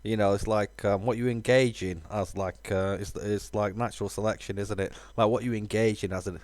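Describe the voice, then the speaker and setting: A deep-voiced man talks off the cuff during a game stream, stopping and restarting and filling gaps with ums and likes. His voice is low and the sound is dry and close. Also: fairly even intonation, darkish tone, dry recording. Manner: rambling, halting, heavy on fillers. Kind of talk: casual live-stream chat.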